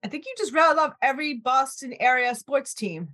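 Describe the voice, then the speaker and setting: A woman's voice: sits high, lively intonation, fairly quick, bright, forceful tone. A woman hosting a casual, chatty interview show in an effusive, enthusiastic way. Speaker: podcast host interviewer.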